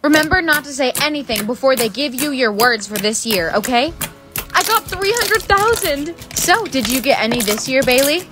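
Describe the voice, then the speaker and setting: A woman's voice: sits high, fairly quick, few pauses, over music, lightly acted. A woman voicing a bratty, teasing teenage girl in a POV skit. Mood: snarky. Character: bratty teenage sister and friends.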